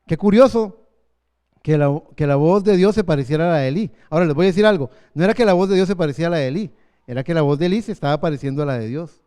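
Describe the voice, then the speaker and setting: A man in his fifties preaching a sermon as pastor, earnest, slowing down for emphasis. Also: a little high, dark tone, clear, resonant tone. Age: 50s.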